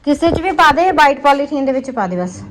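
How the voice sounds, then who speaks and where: A woman's voice: high-pitched, very animated, a little fast. A woman chatting casually in a home vlog, giving a running commentary on her household chores. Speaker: family vlogger and mother. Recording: noisy home recording with clicks.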